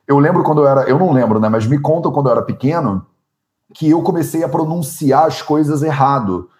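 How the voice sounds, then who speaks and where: Um homem apresentador e médico ayurvédico com sotaque brasileiro, conversando de forma animada numa entrevista e pensando em voz alta. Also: male voice, fairly high pitch, a little fast. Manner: animated, thinks aloud with many "né?". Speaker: podcast host, Ayurvedic doctor. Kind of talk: conversational interview.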